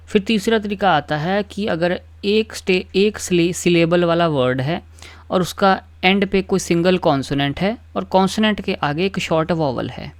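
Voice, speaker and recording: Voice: medium pitch, dry recording. A teacher gives a patient, explanatory grammar lesson. The teacher steps through word lists one by one and checks in often with the class.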